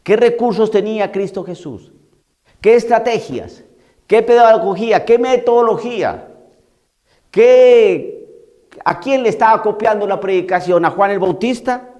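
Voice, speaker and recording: A priest giving an emphatic homily, repeating key phrases and asking rhetorical questions. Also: male voice, high-pitched, a little slow, darkish tone, highs cut off.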